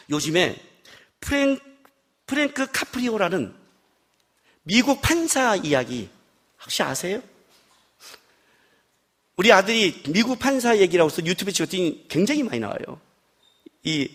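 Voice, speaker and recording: A man's voice: high voice, a bit bright. A middle-aged man preaching an expository sermon at a worship service, telling stories and acting out his wife's replies. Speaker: pastor.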